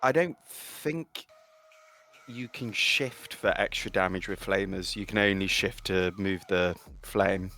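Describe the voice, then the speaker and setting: A man playing a tabletop game, describing his character's actions with lively storytelling. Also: low voice, takes it slowly. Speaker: player.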